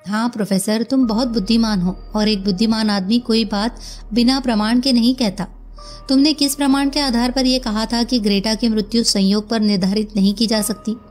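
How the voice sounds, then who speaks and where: Woman voicing a composed male police detective, measured, gentle, higher pitch. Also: steady tone, soft background music, lightly acted. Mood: calm.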